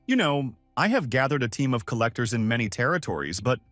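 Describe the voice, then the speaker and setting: A man's voice: mid-range voice, big pitch swings, fast talker, a bit bright, dry recording, faint music behind. A man voicing a worried, earnest male agent explaining matters.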